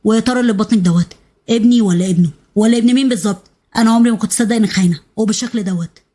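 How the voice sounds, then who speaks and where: A woman voicing a furious, violent young husband with an Egyptian accent, hurling rushed accusations in a storybook reading. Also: fairly high pitch, mellow, natural voice. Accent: Egyptian Arabic.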